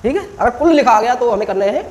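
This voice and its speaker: Very high-voiced male teacher. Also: expressive, quick pace, slight background noise, poor audio. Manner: quizzing students, stretching vowels to demonstrate. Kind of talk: classroom Hindi grammar lesson.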